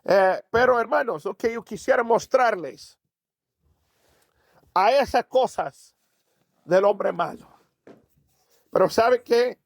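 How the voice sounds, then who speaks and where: A man preaches a sermon to his congregation, his voice sitting fairly high. He keeps asking rhetorical questions and answering them himself. The sound is dry and close, with little room around it. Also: takes it slowly, gravelly, long pauses, no echo. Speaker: pastor.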